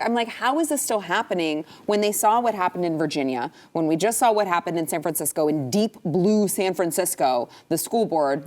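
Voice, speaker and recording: A woman hosting a political talk show in a casual, chatty way. Her voice sits a little low for a woman. She rambles, restarts her sentences and laughs easily. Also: darkish tone. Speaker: host.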